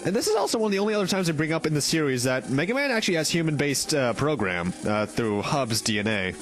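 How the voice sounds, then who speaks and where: A man's voice: on the high side, very animated, fast talker. A man hosting a let's play, giving casual commentary on a video game. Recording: game music behind the voice. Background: game music.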